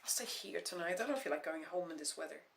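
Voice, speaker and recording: Spirited young woman, quick indignant retorts, a woman reads her in a raised, lively voice in a roomy echo. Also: lowish voice, creaky. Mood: teasing.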